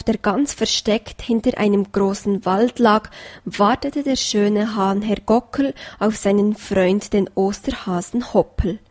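A woman reading a children's story aloud with slow, gentle storytelling. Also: mid-range voice, dry recording, clean studio sound. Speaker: reader.

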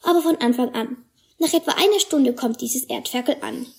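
A woman's voice: high-pitched, moderate pace, creaky. A woman reading a children's animal adventure story aloud and putting on voices for the characters. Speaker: narrator.

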